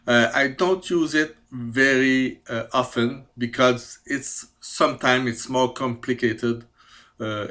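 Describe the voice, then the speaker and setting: A native French speaker from Quebec, Canada, this CAD programmer in his fifties presents his skills in a self-presentation video with a Quebec French accent. His medium-pitched voice sounds pushed and bright, and he speaks carefully and hesitantly with many pauses.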